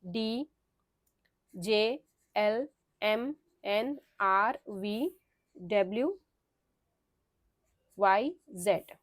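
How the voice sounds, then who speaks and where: Lady teaching phonics, spells stuff out letter by letter, really slow, dry close sound. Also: mid-range voice, expressive, dry recording. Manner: mixes Hindi and English, spells words letter by letter. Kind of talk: explaining phonics rules.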